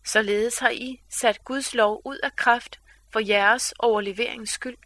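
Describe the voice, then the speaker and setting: A woman giving a measured, solemn scripted reading of scripture. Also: a little high, steady tone, a bit bright, dry recording. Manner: measured, solemn read-aloud delivery.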